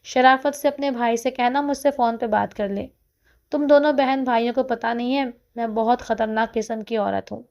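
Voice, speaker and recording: A woman's voice: a little high, fairly even intonation, a little mellow, lo-fi sound, lightly acted. A woman voicing a bold, hot-tempered young woman in a story, speaking sharply and bossily. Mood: threatening.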